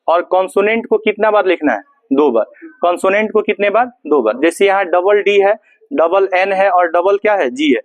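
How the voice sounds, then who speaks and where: A man's voice: high-pitched, no echo, low-quality recording. A man teaching an English grammar lesson in Hindi with a Bihari accent, firing questions and answering them himself in a repetitive drill. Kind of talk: classroom lesson.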